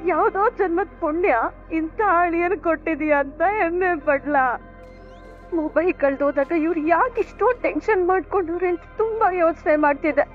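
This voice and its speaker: An actress playing a grieving middle-aged mother in a TV serial, speaking in anguished, lamenting speeches. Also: very high voice. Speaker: mother of a son accused of theft. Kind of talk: TV serial acting. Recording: tinny lo-fi TV audio with music.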